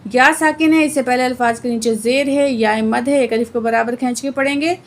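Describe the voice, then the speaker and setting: A woman teaching Quran recitation word by word, explaining the rules plainly and reciting verses slowly with drawn-out sounds. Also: fairly high pitch, fairly even intonation. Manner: often adds "theek hai" to check understanding. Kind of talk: slow word-by-word recitation lesson.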